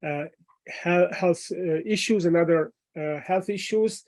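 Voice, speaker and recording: A man's voice: high voice, unhurried, darkish tone. A man hosting a podcast, asking conversational interview questions and often restarting his phrases. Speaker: podcast host.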